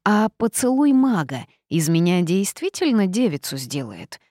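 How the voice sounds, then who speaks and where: A woman's voice: fairly low pitch, very animated, unhurried, mellow, no room sound, clean studio sound. A woman voicing a cheeky, grumbling female toad familiar in a storybook reading, speaking in an indignant, complaining way.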